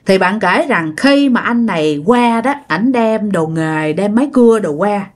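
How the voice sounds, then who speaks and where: A woman's voice: mid-range voice, expressive, measured pace. A woman with a Southern Vietnamese accent telling a ghost story in a conversational way, repeating phrases and speaking to her listeners directly.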